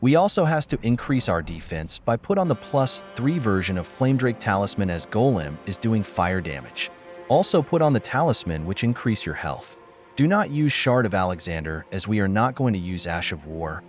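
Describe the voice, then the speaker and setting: Low-voiced man narrating a game walkthrough. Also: moderate pace, soft background music. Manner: steady, instructional, step-by-step explaining.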